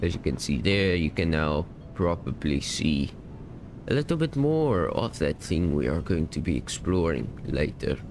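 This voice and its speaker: Man, very low voice, unhurried delivery; laid-back gamer rambling through a tour, faint hiss. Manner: relaxed, unsure, rambling with self-corrections. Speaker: gaming YouTuber. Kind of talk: casual game world tour.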